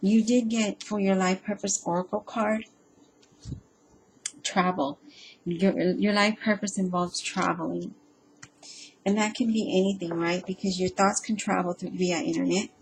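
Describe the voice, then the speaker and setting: A woman reads tarot cards aloud in a relaxed, off-the-cuff way, addressing the listener directly. She stops and starts often, repeating herself and filling pauses with ums. Her voice sits at an ordinary middle pitch, with a faint ambient hum behind her. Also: low-quality recording. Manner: hesitant and halting, with frequent ums and self-repeats. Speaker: tarot reader. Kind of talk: casual spoken tarot reading.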